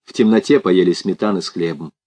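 A man narrating an audiobook in an expressive, dramatic reading style. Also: low voice, fairly quick.

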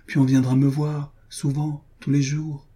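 A man's voice: a little high, flat delivery, measured pace, warm tone, breathy edge, voice pushed up. A man voicing a young, devout duchess in love, in a pleading, earnest tone. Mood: playful affectionate.

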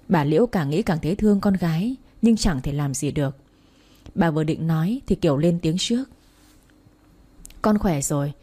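Husky-voiced woman narrating a story. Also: sits low, mellow.

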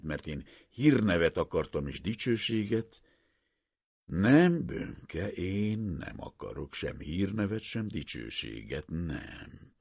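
This is a grave older scientist pleading slowly and earnestly, voiced by a man reading a story. The voice is very deep and husky with a lively, swinging pitch, and the recording is dry and close. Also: no echo, full character voice. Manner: slow, solemn, earnest pleading. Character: older male professor, grave and troubled scientist.

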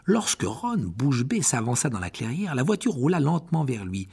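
A man's voice: mid-range voice, big pitch swings, moderate pace, gravelly, darkish tone, breathy edge. A man narrating a fantasy audiobook dramatically, often dropping to a whisper. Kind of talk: expressive audiobook reading.

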